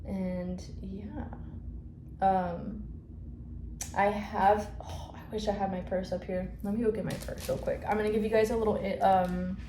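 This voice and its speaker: A woman's voice: mid-range voice, little pitch movement, unhurried. A woman chatting casually in a vlog about her shop, rambling with lots of fillers and self-corrections. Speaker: shop owner vlogger. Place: indoors at home, upstairs. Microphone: phone or camera mic. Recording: echoey room, faint background noise.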